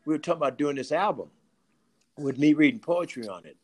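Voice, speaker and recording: A man's voice: on the high side, animated, fast talker. An older man, an author and poet, telling stories in a casual interview, repeating himself and laughing often.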